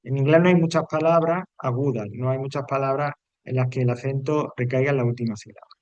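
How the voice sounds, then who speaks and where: A man's voice: mid-range voice, fairly even intonation, fast, a little mellow, no room sound, lo-fi sound. Teacher man explaining English grammar. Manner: explains step by step, repeats rules, checks in with "¿vale?". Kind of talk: classroom grammar lesson.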